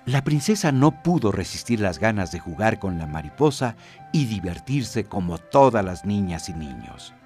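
A man's voice: lowish voice, big pitch swings, moderate pace, darkish tone, soft background music. A man narrating a children's story as a storyteller.

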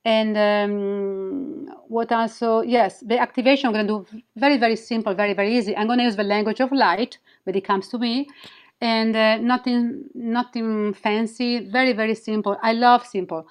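A woman with non-native English phrasing, gently and reassuringly explaining and leading a guided meditation in a smooth, clear voice. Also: fairly high pitch, fairly even intonation, normal speed. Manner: gentle, reassuring, simple encouragement. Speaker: spiritual healer, guest leading a guided activation.

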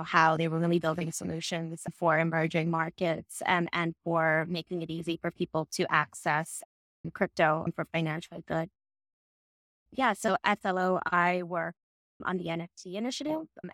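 A woman's voice: fairly low pitch, steady tone, normal speed, fairly bright tone, dry recording, clean studio sound. A young woman from Bangladesh, a guest on a casual podcast interview, talking in an upbeat, chatty way with plenty of "like" and "you know" fillers.

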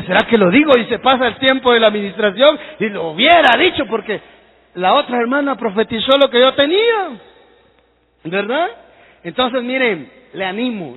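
A man preaching fervently to his congregation, raising his voice to shouts and speaking to them directly. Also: extremely high pitch, creaky, slightly rough. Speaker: pastor. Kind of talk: sermon. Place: church hall. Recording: dull lo-fi recording in echoing hall.

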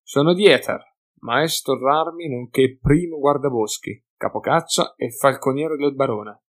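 A grizzled huntsman and weapons master speaks with calm self-assurance, as a man reading the book puts him on. The fantasy audiobook keeps him steady and composed. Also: medium pitch, a little slow, natural voice. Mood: assured.

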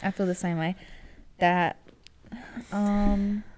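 A woman's voice: mid-range voice, little pitch movement, takes it slowly, darkish tone. A young adult woman co-hosting a casual podcast, laughing easily and agreeing along in chatty talk. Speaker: podcast co-host. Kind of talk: casual chat.

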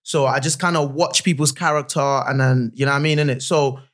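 A man's voice: mid-range voice, steady tone, a little fast, fairly bright tone. A man with a London accent co-hosting a podcast, chatting casually in slang with frequent checking tags. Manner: repeats tags like "you know what I mean". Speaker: podcast co-host.

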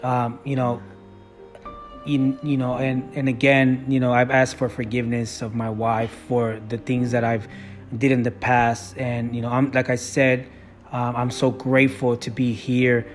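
A man co-hosting a casual talk with his wife about faith and marriage, halting with many fillers and restarts. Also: medium pitch, completely flat delivery, soft background music. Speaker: podcast co-host.

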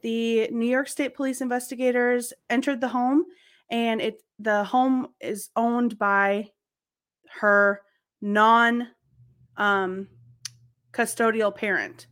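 On a casual podcast, a female co-host from the American South tells stories and laughs frequently. She speaks slowly with fairly even intonation, in a slightly high, fairly bright voice.

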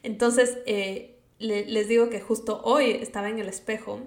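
This vlogger is a young Latin American woman in early adulthood whose Spanish accent colors her relaxed, advice-giving chatter, sprinkled with English words. She speaks slightly slowly in a somewhat high, fairly even, a little mellow voice, captured in a roomy space.

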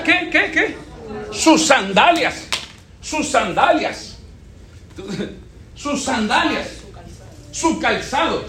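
A man's voice: very high voice, a bit bright. A man preaching a sermon, quizzing his congregation with questions and repeating phrases. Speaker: pastor. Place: church sanctuary. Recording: echoey church room.

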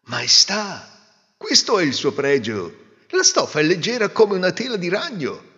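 A man voicing two smooth-talking swindler weavers who flatter in an ingratiating way. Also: sits high, measured pace, in a large hall, lo-fi sound, voice pushed up, full character voice.

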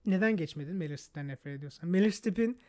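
A man chats on a casual podcast in a high, bright-pitched voice. He talks quickly and animatedly, teasing his friend and cutting in often. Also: a crowd in the background. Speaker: podcast co-host. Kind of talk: casual chat.

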